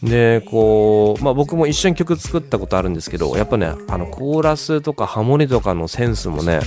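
Chatty low-voiced man hosting music radio. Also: big pitch swings, darkish tone. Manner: chatty, enthusiastic, many fillers and pauses. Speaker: radio show host introducing songs. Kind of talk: casual music radio talk.

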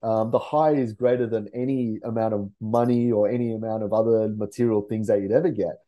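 A man's voice: fairly low pitch, flat delivery, fairly quick, muffled recording. A man speaking as a memory coach guest in a casual podcast chat, earnest and rambling with many fillers.

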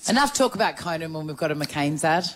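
A woman's voice: deep voice, lively intonation, quick pace. An Australian woman hosting breakfast radio, bantering with a guest in a chatty, effusive way. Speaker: radio host.

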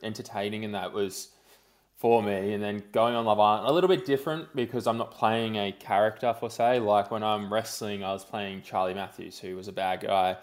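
A man's voice: on the low side, fairly even intonation, brisk. A man with an Australian accent talking casually and informally as a guest in a podcast interview. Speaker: podcast guest, reality TV contestant.

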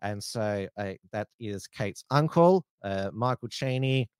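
A man giving informal political commentary in a halting, hesitant way. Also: fairly low pitch, lively intonation, clear, resonant tone, dry recording.

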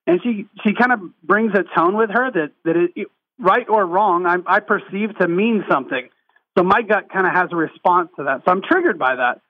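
A man's voice: sits high, lively intonation, fairly quick, narrow, tinny audio. A man guest on a podcast, explaining his feelings reflectively and searching for words as he goes. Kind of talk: casual podcast conversation.

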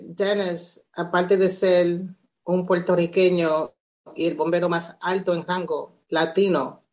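Slow-spoken reflective woman. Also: lowish voice, darkish tone. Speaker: interview guest. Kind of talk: conversational interview.

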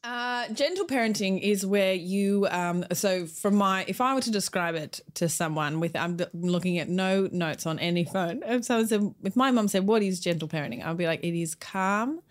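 A woman's voice: medium pitch, moderate pace, few pauses. Chatty woman telling stories. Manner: rambling, chatty storytelling with many restarts. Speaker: podcast co-host. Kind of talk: casual chat.

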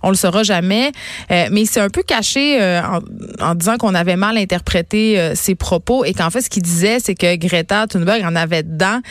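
A woman with a Quebec French accent giving radio commentary in a wry, lively way, with plenty of fillers. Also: medium pitch, normal speed, dry recording, clean studio sound. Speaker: radio columnist. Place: radio studio.

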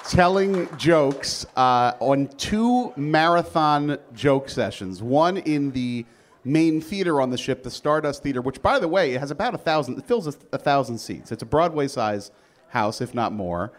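A man's voice: medium pitch, animated, a little slow, some chatter behind. A man hosting an on-stage interview on a cruise ship, playful and rambling. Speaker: host.

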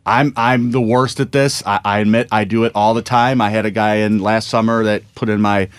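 A man co-hosting a casual chat, self-deprecating and quick to laugh. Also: fairly low pitch, steady tone, clear, resonant tone, dry recording.

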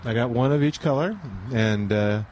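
A man's voice: medium pitch, normal speed. A man hosting a live gardening radio show from a nursery porch, chatting casually and joking with his guests. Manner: relaxed, joking banter with guests. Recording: faint outdoor traffic noise.

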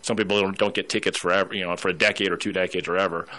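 A man's voice: low voice, little pitch movement, racing, sharp tone. A man hosting a radio talk show, telling stories in a casual, rambling way with many restarts. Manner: rambling, storytelling with put-on voices.

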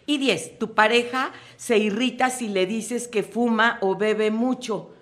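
A woman with a Mexican accent, a guest commentator on a radio show, talking in a lively way and acting out short quoted scenes. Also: a little high, measured pace. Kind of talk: lively on-air talk.

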